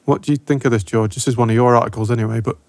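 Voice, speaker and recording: A man's voice: medium pitch, steady tone, very fast, darkish tone, no room sound. A male podcast host chatting informally in a mid-range voice. The recording is very dry, with hardly any room sound around him. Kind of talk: casual podcast chat.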